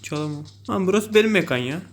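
A young man with a Turkish accent giving excitable, self-mocking commentary over mobile game play. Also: high voice, fast talker, heavy background noise. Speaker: gaming YouTuber.

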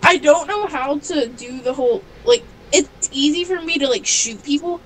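A woman's voice: sits high, a little hiss or hum, rough recording. A woman chatting casually with her boyfriend while they play a video game together, talking through what she is doing. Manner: drawn-out, playful, talks through her play. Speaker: streamer's girlfriend, co-player. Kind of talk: casual chat during gameplay.

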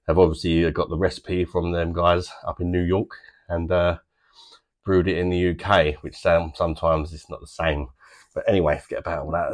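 A man in his thirties with a British accent, casually reviewing a beer to camera from a small home bar, chatty and easygoing with plenty of fillers. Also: sits low. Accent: British English.

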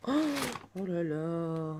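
A woman's voice: sits low, level tone, slow, background noise. Gushing woman in her twenties. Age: 20s. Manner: gushing, many soft exclamations. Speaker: vlogger unboxing a birthday gift. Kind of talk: casual unboxing chat.

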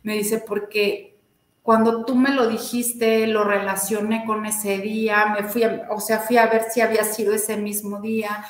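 A woman, telling a personal story in a casual, animated way and acting out the voices of the people she quotes. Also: mid-range voice, unhurried, roomy sound. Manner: animated, acts out quoted dialogue. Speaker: guest, student of a healing method.

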